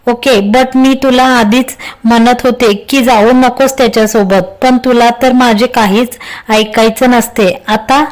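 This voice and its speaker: A woman reading as a shy young heroine in a read-aloud love story. She is easily flustered and often exasperated. Her voice sits fairly high. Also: fairly even intonation, measured pace, lightly acted.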